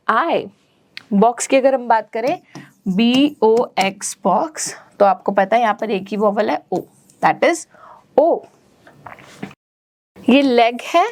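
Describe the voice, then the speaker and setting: A woman's voice: on the high side, no room sound. A woman teacher with an Indian English accent leads a children's phonics lesson. She mixes Hindi and English and spells words out letter by letter before saying each one. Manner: spells words letter by letter, then says them.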